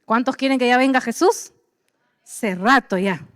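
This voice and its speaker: A woman's voice: fairly high pitch, a little slow, no echo, clean studio sound, big-room sound. A middle-aged woman pastor, preaching animatedly and acting out the voices of believers and of God. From Peru. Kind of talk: sermon.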